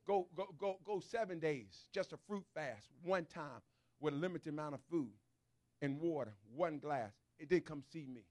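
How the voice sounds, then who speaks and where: A man preaching a sermon with call-and-response, shouting in bursts and speaking. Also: on the high side, normal speed. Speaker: pastor.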